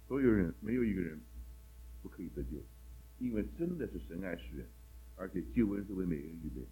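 A man's voice: low voice, big pitch swings, quick pace, mellow, husky, low-quality recording. A man teaching a Bible class in a sermon style, asking the class one question after another and mixing English words into his talk.

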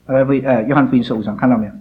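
A man's voice: mid-range voice, fairly even intonation, racing, narrow, tinny audio. A man teaching a Bible class, scolding students and drilling them with pointed questions.

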